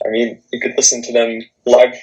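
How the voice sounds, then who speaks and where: A man's voice: mid-range voice, monotone, brisk, darkish tone, breathy edge, poor audio. A young American man chatting casually as an interview guest, youthful, informal and self-deprecating. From Florida, United States. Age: young adult. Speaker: interview guest, singing contestant.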